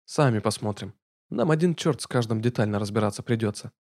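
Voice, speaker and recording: A man voicing a relaxed young male inspector who answers teasing with dry, drawling humor. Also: on the low side, a little fast. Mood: wry. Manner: drawling, wry.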